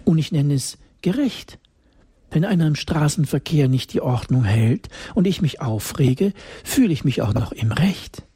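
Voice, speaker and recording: Middle-aged preacher, emphatic sermon, repeats lines, whispers for effect, very breathy voice, dry close sound. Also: mid-range voice, animated, moderate pace, warm tone, no room sound.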